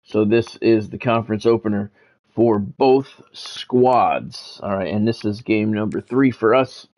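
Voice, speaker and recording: Hosting a football video game stream, a man offers casual, rambling, conversational commentary. His voice is fairly low, unhurried and darkish, and the lo-fi audio sounds dull with music behind it.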